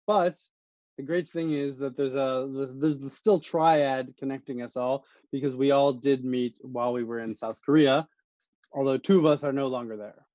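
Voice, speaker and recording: A man's voice: medium pitch, fairly even intonation, normal speed, darkish tone, dry recording. A man from the United States co-hosting a casual podcast chat, steering the talk with questions. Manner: chatty, leading the questions. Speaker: podcast co-host. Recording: dull, dry sound.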